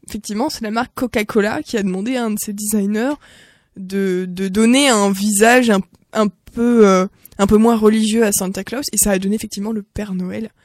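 A woman of middle pitch talks in a lively, exclamatory way, tumbling through fillers and restarts as she tells anecdotes. Her voice is recorded dry and close. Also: no room sound.

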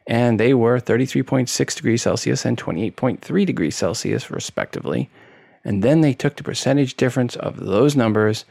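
Sarcastic man with a gravelly voice. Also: lowish voice, a little mellow, no room sound, clean studio sound. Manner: sarcastic, mocking. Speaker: tech podcast host. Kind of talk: casual podcast commentary.

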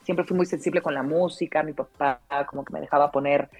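In a low, slightly rough voice and at a brisk pace, a Mexican-accented radio announcer shares a childhood story in a casual interview. Her delivery is lively and anecdotal. She keeps tagging on "o sea" and "¿no?".

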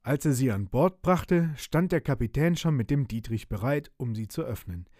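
Male storyteller for a children's pirate tale, animated, dry studio read. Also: mid-range voice, moderate pace, no echo. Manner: lively, expressive, voices the characters. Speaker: narrator. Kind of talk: storybook reading.

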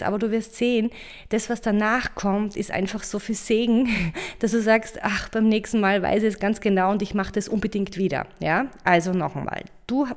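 Lady podcast host, chatty coaching, keeps asking ja?. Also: mid-range voice. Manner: warm coaching tone, addresses listener directly with frequent "ja?". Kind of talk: casual motivational monologue.

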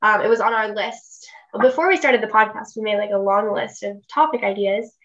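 A woman's voice: mid-range voice, fairly quick, a bit bright. Young female co-host, casual chatter, filler-heavy, muffled recording. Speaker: podcast co-host. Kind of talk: casual chat.

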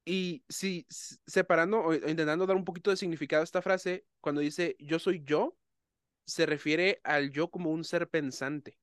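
A man with a slightly raised pitch hosts a relaxed conversation. He is thoughtful and careful when he explains an idea. His voice is recorded dry and close, with little room sound. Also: moderate pace, clean tone, no room sound. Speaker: host. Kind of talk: casual conversation.

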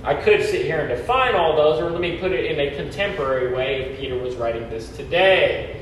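A man's voice: brisk, a bit bright. Pastor guy preaching hard, asks then answers his own questions, huge cathedral echo, bit of hiss. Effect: cathedral-like booming echo. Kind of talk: sermon ending in prayer. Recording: heavy hall echo, distant mic, faint noise.

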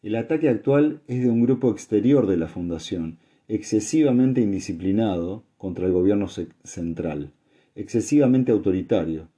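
A man reading aloud and voicing a male sage who speaks calmly and formally in a recorded message. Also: lowish voice, husky. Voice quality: calm, measured, formal.

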